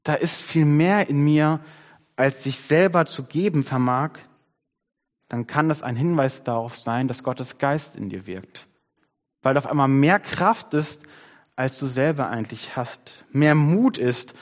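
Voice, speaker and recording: A man preaching a conversational sermon on his worship team's behalf, shifting his pace and dropping to soft tones. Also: medium pitch, unhurried, in a large hall. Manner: conversational, varies pace, softens to near-whisper. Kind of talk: sermon with a storybook reading.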